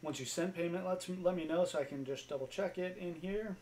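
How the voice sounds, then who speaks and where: A man's voice: high-pitched, brisk, darkish tone, slight background noise. A man hosting a card-break livestream, chatting casually with viewers in an easygoing way with lots of fillers.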